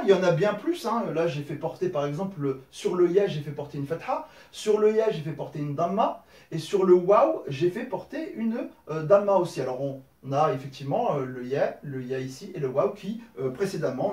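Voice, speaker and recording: A man's voice: high voice, a little mellow, reverberant, far from the mic. A man teaching a language lesson at a whiteboard, explaining step by step and often checking in with "d'accord?". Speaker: Arabic teacher.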